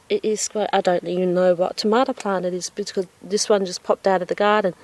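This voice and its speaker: A woman's voice: mid-range voice, darkish tone, slight background noise. A woman giving a casual walkthrough of her backyard garden, chatty and self-deprecating, a little out of breath, recorded outdoors on a phone. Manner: chatty, self-deprecating, with frequent ums and laughs. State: slightly out of breath. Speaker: home gardener vlogger.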